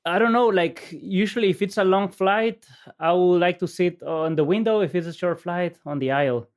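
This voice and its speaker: A man from El Salvador, a podcast guest, chatting in a relaxed way with frequent fillers and easy laughs. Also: sits high, normal speed. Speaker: podcast guest, innovation agency CEO. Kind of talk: casual interview chat.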